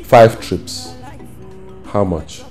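A man's voice: on the low side, very slow, a little mellow, faint music behind. An actor with a Nigerian accent playing an emphatic husband who lectures his wife with exclamations and questions. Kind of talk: film drama acting.

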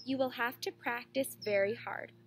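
A woman voicing a kind old male ballet teacher who speaks gently. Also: fairly high pitch, steady tone, normal speed, a little hiss or hum, lightly acted. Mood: gentle.

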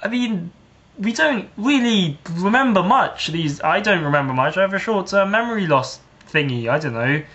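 A man's voice: sits high, expressive, normal speed, sharp tone, muffled recording. A teenage boy vlogging a casual, sarcastic comic rant with jumpy swings of emphasis.

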